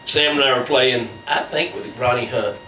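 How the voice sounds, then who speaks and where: An older man telling a golf anecdote in an animated, chuckling way, over low-quality stream audio. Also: moderate pace. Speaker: family storyteller. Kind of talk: casual anecdote. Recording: echoey room, faint background noise.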